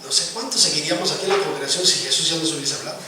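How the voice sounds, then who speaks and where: A man's voice: a little high, racing, noisy background. A man preaching a sermon to his congregation, constantly putting rhetorical questions to his listeners. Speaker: pastor. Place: church hall. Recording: echoey hall from a distance.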